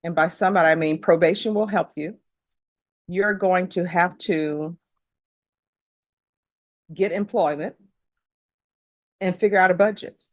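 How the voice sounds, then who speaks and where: Middle-aged woman judge, lower voice, firm and lecturing, close dry sound. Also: steady tone, a little slow, pauses often, no room sound. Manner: firm, lecturing, pointed rhetorical questions. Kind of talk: stern courtroom questioning. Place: courtroom.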